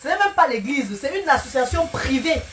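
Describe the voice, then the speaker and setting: A woman's voice: high voice, very animated, brisk, a bit bright, a little hiss or hum. A woman cooking while she talks on a casual live stream, greeting viewers by name and often speaking of God's blessings. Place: home kitchen. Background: music playing.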